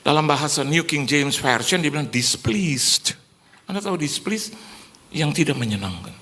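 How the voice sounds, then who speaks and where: A middle-aged male pastor preaching in a church, telling lively stories with acted-out quotes and calling out to the congregation. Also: a little high, moderate pace. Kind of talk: sermon.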